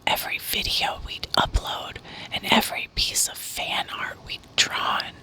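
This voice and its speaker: A woman narrating horror stories in a breathy ASMR whisper, reading deliberately with pauses. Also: sharp tone, poor audio.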